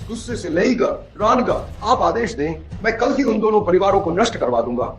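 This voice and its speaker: A man's voice: sits high, animated, a little fast. A man voicing a wronged young man who speaks with anger and contempt in a dubbed drama. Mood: furious. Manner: angry, contemptuous. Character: furious wronged young man seeking revenge.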